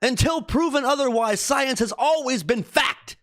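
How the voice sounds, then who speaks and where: A man's voice: very high voice, a little slow, a bit bright. A man hosting a livestream, venting in a heated, profane rant with repeated emphasis. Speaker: livestream host. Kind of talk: angry political rant.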